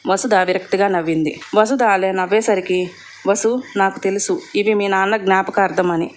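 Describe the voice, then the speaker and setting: A woman telling a serialized family drama story in a steady reading voice. Her pitch is neither high nor low for a woman, and she slips into each character's lines without really changing her voice. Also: normal speed. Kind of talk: scripted story narration with dialogue.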